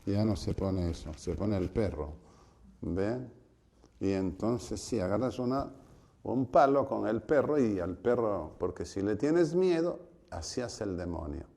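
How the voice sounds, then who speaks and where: Low gravelly priest giving a retreat talk. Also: male voice, lively intonation, measured pace. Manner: storytelling, acts out voices with loud shouts.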